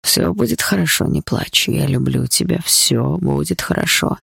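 A woman voicing a beaten young man who speaks softly and reassuringly while staying quietly defiant. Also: very deep voice, sing-song, normal speed, gravelly, breathy edge, no room sound, clean studio sound, full character voice.

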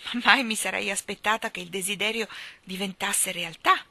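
A woman voicing an earnest, caring young girl in a storybook, with a gently encouraging manner. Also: mid-range voice, normal speed, vocal fry, no echo, exaggerated voice.

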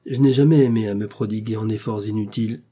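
A man's voice: on the low side, steady tone, fast, dark tone, natural voice. A man reading aloud, voicing a mocking, courtly man of society in an audiobook. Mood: ironic. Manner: ironic, courtly.

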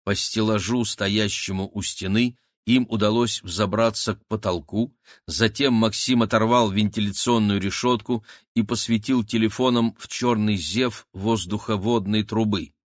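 A man narrating an adventure audiobook in a steady, measured way. His voice sits low, and the recording is dry and close, with no room sound. The delivery is plain and even. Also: no echo. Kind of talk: scripted narration.

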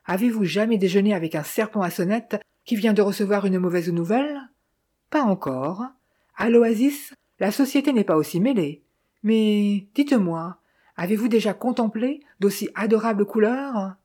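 A woman narrating an audiobook, reading all the characters in a mostly even, measured voice. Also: medium pitch.

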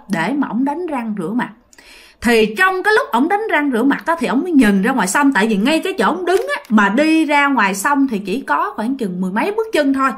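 Lively woman storyteller. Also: high voice. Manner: chatty, addresses listeners as "các bạn". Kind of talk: casual ghost-story narration.

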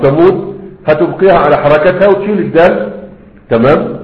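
Male teacher, Egyptian accent, slightly high voice, rhetorical questions, muffled echoey recording. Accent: Egyptian Arabic. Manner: asks the class rhetorical questions, then answers them himself. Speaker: grammar teacher. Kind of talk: explaining Arabic grammar in a class.

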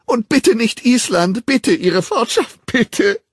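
A man's voice: very high voice, big pitch swings, slow, slightly rough, dry recording, studio quality, voice pushed up, exaggerated voice. A sobbing, begging man facing exile, as a man puts him on. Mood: desperate pleading. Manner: pleading, sobbing, near-shouting. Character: panicked male official begging not to be exiled.

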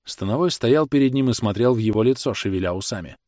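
A man narrating a classic novel in a measured, dramatic reading. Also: medium pitch, expressive, mellow, no room sound, studio quality. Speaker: audiobook narrator. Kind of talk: scripted audiobook narration.

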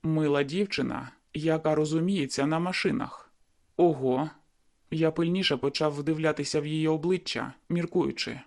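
A man's voice: fairly high pitch, steady tone, normal speed, darkish tone. A man reading a first-person novel aloud in a brooding, inward manner. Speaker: audiobook narrator. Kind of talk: first-person audiobook narration.

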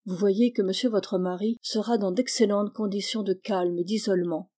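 A woman reading the part of a composed male doctor who explains things in a measured, reassuring way. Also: mid-range voice, fairly even intonation, warm tone, natural voice.

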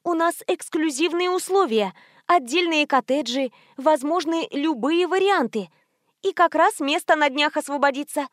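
A woman's voice: normal speed, no echo, clean studio sound, close to an everyday voice. A woman doing a bubbly young nurse. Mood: sweet. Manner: sweet, bubbly, high. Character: friendly young female nurse, chatty.

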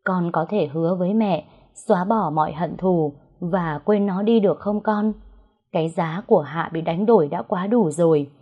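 A woman voicing a gravely ill mother who speaks slowly and tenderly, stern when crossed. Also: lowish voice, dull audio. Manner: slow, tender pleading, turning harsh in anger.

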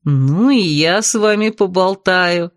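A woman voicing a big, nosy young bride who drawls her prying questions slowly. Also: lowish voice, dry recording, studio quality.

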